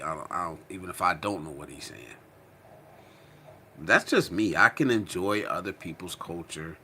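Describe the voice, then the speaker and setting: With a bright, forceful bass voice, this American livestream host from Connecticut chats informally and uses plenty of slang while responding to viewer comments. He repeats phrases for emphasis, and a little hiss or hum runs under the audio.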